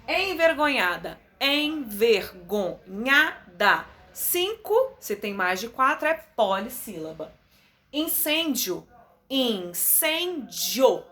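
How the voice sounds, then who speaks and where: A woman teacher with a Brazilian Portuguese accent, giving a recorded class to young children and drawing out words slowly to sound out their syllables. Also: fairly high pitch, pushed and bright. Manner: drawn-out, stretching words to sound them out for children. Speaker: primary school teacher.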